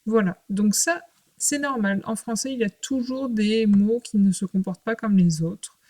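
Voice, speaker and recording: A woman teaching a recorded remote lesson to young children. She talks patiently and clearly in short phrases with pauses. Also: medium pitch, warm tone. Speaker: primary school teacher.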